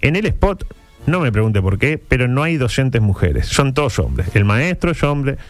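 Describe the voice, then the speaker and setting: A man's voice: mid-range voice, big pitch swings, normal speed, no echo. A man with a Uruguayan accent gives humorous, conversational commentary as a radio host, in a colloquial, digressive and mock-serious way. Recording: music playing behind the voice. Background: background music.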